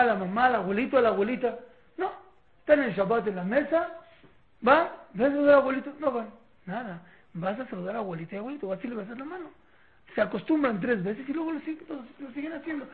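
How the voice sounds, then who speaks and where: A teacher with a Mexican accent giving a religious parenting lecture, acting out family scenes with mocking rhetorical questions. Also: mid-range voice. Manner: lively, acts out family scenes with mock questions. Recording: tinny phone-like line with faint noise.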